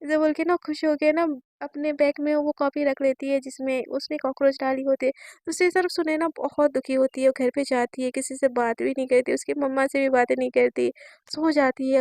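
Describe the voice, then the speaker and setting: Woman narrating a story, chatty and casual, high voice, dry close sound. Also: fairly even intonation, a little fast, darkish tone, no echo. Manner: chatty, with many fillers.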